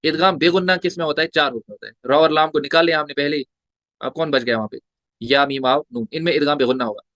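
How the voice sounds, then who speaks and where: A man's voice: a little high, fast talker, fairly bright tone, no echo. A man teaching a tajweed lesson, spelling out letters and vowel marks one by one and asking and answering his own questions. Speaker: Quran recitation teacher.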